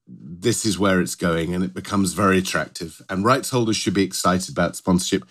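A man's voice: low-pitched, a little fast, a bit bright, breathy edge. A middle-aged British man co-hosting a podcast in a conversational style, often rephrasing as he goes. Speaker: podcast co-host.

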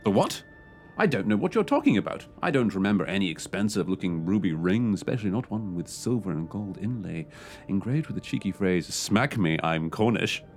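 A man's voice: lowish voice, lively intonation, fairly quick, soft background music. A man doing a pompous, dotty detective. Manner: theatrical, pompous and scatterbrained. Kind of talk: comedy audio drama acting.

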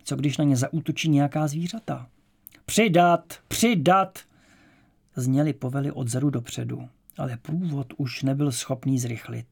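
Gravelly, dark-voiced male narrator. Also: mid-range voice, steady tone. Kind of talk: audiobook narration.

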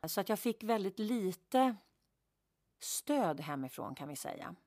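A woman's voice: medium pitch, very animated, a little mellow, no echo, clean studio sound. A woman telling a personal story in a vivid, emphatic way, repeating words for effect and correcting herself as she goes. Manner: vivid, emphatic retelling with repetitions and self-corrections.

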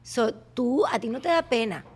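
A woman hosting a podcast, teasing and quick in casual chat. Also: on the high side, expressive, breathy edge. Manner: teasing, quick, laughs easily. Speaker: podcast host.

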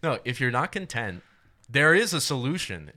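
A man's voice: mid-range voice, sing-song, moderate pace, bright, forceful tone. A man in his twenties talking politics on a casual podcast, rambling and swearing, laughing often and restarting his sentences. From United States. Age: 20s. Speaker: podcast co-host.

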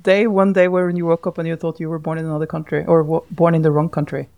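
A woman's voice: deep voice, little pitch movement, fast talker, darkish tone, dry recording. A Norwegian woman co-hosting a podcast, talking thoughtfully in casual chat and laughing often. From Norway. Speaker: podcast co-host.

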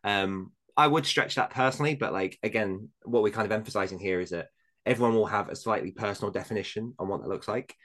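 Male podcast host. Somewhat low voice, rapid casual delivery, emphatic repetition. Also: a bit bright.

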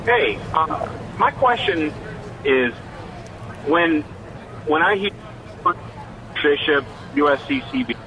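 A man calling in to a radio show over the phone, asking a question in a hesitant, halting way. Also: fairly high pitch, sing-song, sharp tone. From Connecticut. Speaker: caller. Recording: muffled phone line with faint noise.

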